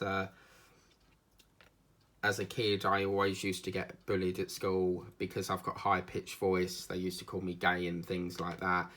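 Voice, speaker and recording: With a fairly low, sharp-toned voice, this Essex-accented diamond painting vlogger talks casually through his day as he films a craft video. He wanders from topic to topic and leans heavily on fillers.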